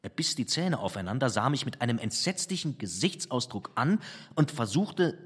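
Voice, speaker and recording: A man with a husky voice reading a literary memoir aloud in a measured, reflective storytelling manner. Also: medium pitch, very animated. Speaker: narrator. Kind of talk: audiobook narration. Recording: long hall reverb.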